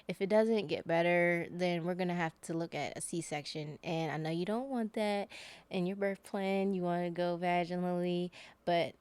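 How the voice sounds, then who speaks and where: A woman's voice: fairly low pitch, fairly even intonation, moderate pace, darkish tone, clean tone. A woman guest on a podcast, telling a personal story in a rambling, casual way with many fillers and self-corrections.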